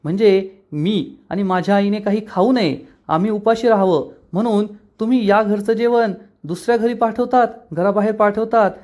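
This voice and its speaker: A man voicing a defiant, sharp-tongued young woman as he retells a TV episode. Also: high voice, normal speed, few pauses, pitched above the performer's own voice, natural voice.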